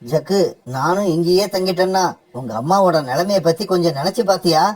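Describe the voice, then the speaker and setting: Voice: mid-range voice, a little fast, darkish tone, lightly acted. Voice actor doing a mild, pleading father crow. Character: gentle father crow, husband. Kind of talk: cartoon voice acting.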